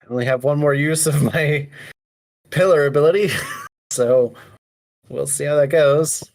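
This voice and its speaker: A tabletop player who speaks slowly and deliberately, working through rules questions and reading out rolls. The voice sits at a middle pitch. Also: fairly even intonation, darkish tone. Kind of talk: tabletop game play.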